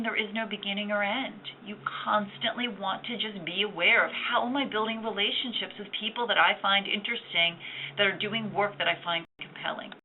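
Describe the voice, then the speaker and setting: A woman giving a conversational, upbeat training talk on networking, explaining with examples. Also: mid-range voice. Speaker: workshop presenter. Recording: tinny lo-fi recording with faint noise.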